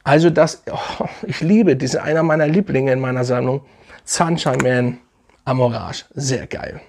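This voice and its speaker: A man's voice: medium pitch, a little slow, creaky, a little mellow. A man casually reviewing fragrances for his channel, enthusiastic and rambling, with many fillers and restarts.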